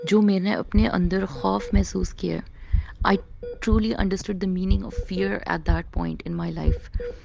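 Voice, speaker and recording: Woman with a heavily gravelly voice. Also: on the low side. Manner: earnest, mixes English into Urdu, hesitant. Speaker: vlogger. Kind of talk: personal storytelling. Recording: dull lo-fi recording.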